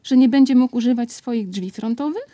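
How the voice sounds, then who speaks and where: A woman's voice: on the high side, normal speed, warm tone, no room sound, natural voice. A woman reading a storybook, voicing a kind, affectionate young boy who speaks tenderly.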